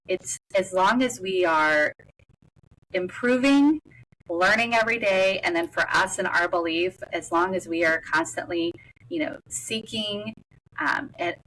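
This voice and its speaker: A woman's voice: on the low side, a bit bright, low-quality recording. A woman, talking earnestly and reflectively as a guest in a casual roundtable conversation. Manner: earnest, reflective, faith-centered. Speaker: guest, mother and advocate.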